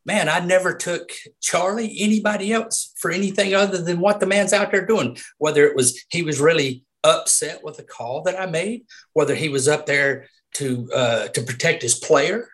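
A man's voice: fairly high pitch, moderate pace, a bit bright. A middle-aged man with a Southern US accent, a retired umpire talking as a guest in a casual interview. He tells stories emphatically and laughs often.

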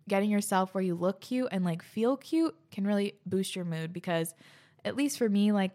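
Here a young woman runs her podcast in a relaxed, chatty way, raving about submissions from her audience. Her medium-pitched voice is bubbly and a bit breathless, peppered with "like."

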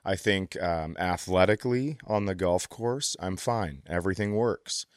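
An American man hosts a comedy podcast, telling casual stories and chatting comedically with a profane, exasperated ranting streak. His voice is low and his pace measured, in studio-quality audio with no room sound.

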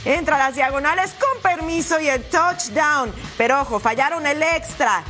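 A woman presenting American football highlights, exclaiming and stretching out key words in touchdown-call commentary. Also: moderate pace, pushed and bright, soft background music.

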